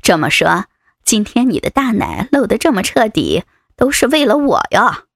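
A woman's voice: sing-song, normal speed, gravelly, no room sound. A woman voicing a lecherous male vice president in an audio story, speaking in a mocking, teasing tone. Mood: leering. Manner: mocking, teasing, low-voiced. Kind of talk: erotic audio story reading. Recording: dry close recording.

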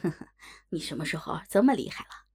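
A playful young man who teases and pleads in a low, breathy half-whisper, as a woman narrator puts him on. The voice sits well below her own, husky and soft, with a gravelly edge. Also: moderate pace. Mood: teasing. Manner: teasing, pleading.

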